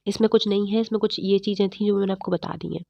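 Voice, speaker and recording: A woman teaching chemistry in a fast, repetitive exam-prep lecture, slightly unwell. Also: mid-range voice, steady tone, creaky, dark tone, no echo, dull audio. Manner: fast-talking, repetitive quizzing of students.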